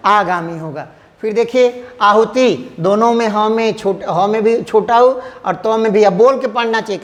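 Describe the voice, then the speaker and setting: A man's voice: high-pitched, in a large hall. A male teacher giving an exam-prep lesson, who keeps asking the class questions and answering them himself.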